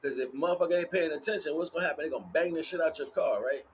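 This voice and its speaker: A livestream spiritual teacher delivers a rambling motivational talk in casual, sweary street slang, speaking emphatically and repeating his phrases. His voice is on the high side and rapid-fire, with slight background noise.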